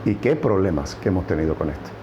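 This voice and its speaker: A man's voice: low-pitched, lively intonation, fast, muffled recording, background noise. A man with a Puerto Rican accent giving political commentary on a news program, stressing points by repeating words. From Puerto Rico.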